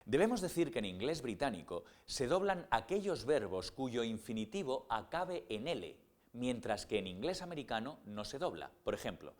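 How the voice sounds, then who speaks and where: Man with a lively teaching voice. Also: mid-range voice. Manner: explains rules step by step, with slow spelled-out English example words. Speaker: grammar teacher. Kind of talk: scripted lesson narration.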